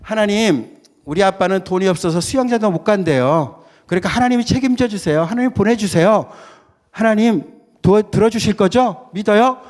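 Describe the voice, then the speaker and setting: A man's voice: high-pitched, moderate pace, darkish tone, pitched above the performer's own voice, close to an everyday voice. A man voicing an eager little child who pleads with his father and then with God, in a whiny, insistent way. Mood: pleading.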